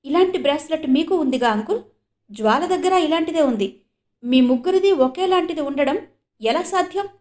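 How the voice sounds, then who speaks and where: A woman's voice: high voice, expressive, moderate pace, a little mellow, voice pushed up. A woman narrator voicing a curious young man who questions in amazement. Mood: amazed.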